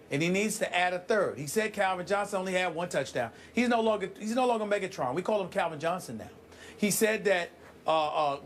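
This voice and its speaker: Emphatic high-voiced man debating sports. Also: a little hiss or hum. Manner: emphatic, dramatic pauses, drawn-out words.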